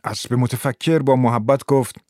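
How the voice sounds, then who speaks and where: A man narrating a literary story in a measured reading voice. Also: medium pitch, steady tone, a little mellow, no room sound, studio quality.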